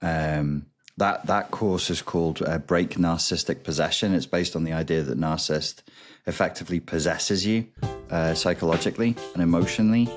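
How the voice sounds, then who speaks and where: A man with a very low voice, guesting on a podcast as a recovery expert. He lays out ideas patiently and step by step, with plenty of pauses to rephrase. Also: soft background music. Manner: measured, explains step by step, frequent ums and restarts. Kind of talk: explanatory interview talk.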